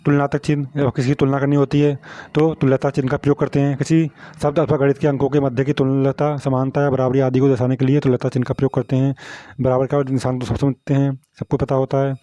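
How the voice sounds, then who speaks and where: Man, teacher, flat monotone, mellow dark voice, dry close sound, repetitive explaining. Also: medium pitch, quick pace, dry recording. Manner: repetitive, asks "samjhe?" often. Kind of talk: explaining Hindi grammar lesson.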